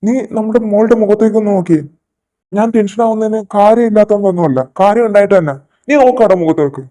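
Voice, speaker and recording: A man voicing an older, hot-tempered father who is recovering from surgery and loudly demands answers in a fan audio drama. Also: sits high, quick pace, lightly acted. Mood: angry.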